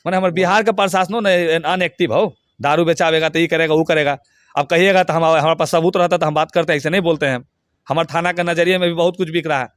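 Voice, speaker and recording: A man rants in an interview, his voice pitched a little high. He speaks with heated, crude emphasis, close and dry on the mic with no room sound. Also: steady tone, fast, fairly bright tone, dry recording. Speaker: interview guest.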